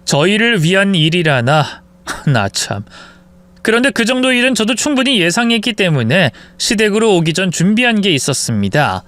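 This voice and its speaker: A woman's voice: medium pitch, big pitch swings, normal speed, fairly bright tone. Biting woman narrating a revenge story. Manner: cold, biting.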